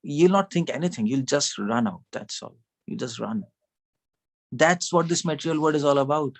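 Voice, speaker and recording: A man's voice: fairly high pitch, lively intonation, normal speed, vocal fry. A man giving a sermon to a small gathering, talking in a conversational way, asking the audience questions and laughing often. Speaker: speaker at a devotional gathering.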